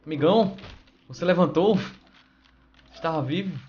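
Excitable Brazilian gaming youtuber. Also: male voice, on the high side, moderate pace, muffled recording. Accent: Brazilian Portuguese. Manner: excitable, joking, shouts greetings to viewers. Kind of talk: let's play commentary.

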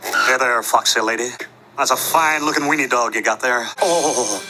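A man's voice: medium pitch, moderate pace, over music, lightly acted. A man as swaggering cartoon hunk Johnny Bravo. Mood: smooth flirting. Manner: swaggering crooning pickup-artist delivery. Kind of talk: cartoon voice acting.

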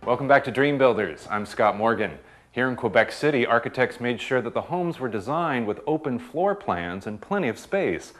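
A male TV host narrating a home-building feature in a smooth, measured presenter voice. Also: medium pitch, expressive, a bit bright. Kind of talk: scripted documentary narration. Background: background music under the voice-over.

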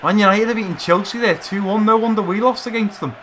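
A man giving excitable live commentary while playing a football video game, shouting encouragement at his players. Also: sits high, fast talker, a little hiss or hum. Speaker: gamer playing a football career mode.

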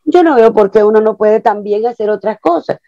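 Chatting a little fast in a mid-range voice, a woman in her sixties from Venezuela, an actress, tells stories animatedly as an interview guest, gesturing a lot with her hands. She's on a video call from a small home room with a plain wall behind her. The earphone-mic audio is dry, dull, and lo-fi.

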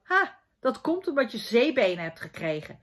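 A woman's voice: fairly high pitch, big pitch swings, normal speed, fairly bright tone, voice pushed up. A woman reading aloud and voicing a cheerful, encouraging father who talks to his children in an upbeat, coaxing way. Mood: cheerful, urging.

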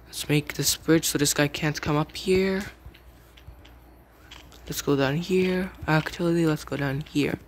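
A young man giving casual gameplay commentary, muttering to himself and repeating words rapidly in tense moments. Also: fairly high pitch, fairly even intonation. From English-speaking country with its own slang. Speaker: gamer. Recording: noisy home mic.

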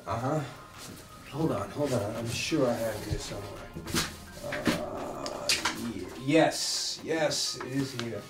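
A man playing a hot-tempered drunk husband who slurs and blusters, then flares up into shouting. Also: mid-range voice, takes it slowly, close to an everyday voice. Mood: cagey. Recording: echoey room, distant mic.

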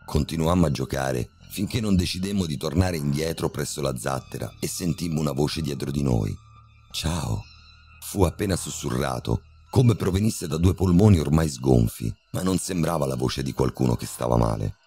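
A man reading a scripted horror story in a measured, steady storytelling manner. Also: a bass voice, slightly rough, faint music behind. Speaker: narrator.

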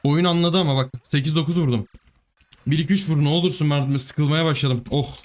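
A man giving live gameplay commentary, excitable, pleading with the game and cursing at it. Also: on the high side, a little fast. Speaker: gaming YouTuber.

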